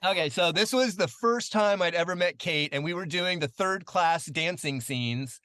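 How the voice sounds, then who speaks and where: A man in his late forties, a guest in a casual interview, telling stories in a chatty way with lots of fillers and lively quoted voices. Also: high voice, moderate pace, dry recording, clean studio sound. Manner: chatty, many fillers, animated when quoting.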